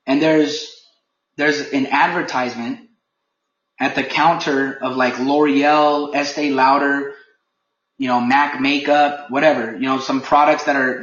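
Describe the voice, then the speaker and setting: A man's voice: medium pitch, a bit bright, slight background noise. A man leading a company webinar, speaking firmly and with emphasis, a little heated. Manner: firm and emphatic, lightly heated. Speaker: company leader presenting a webinar. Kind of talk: webinar briefing. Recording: echoey, dull lo-fi webinar audio.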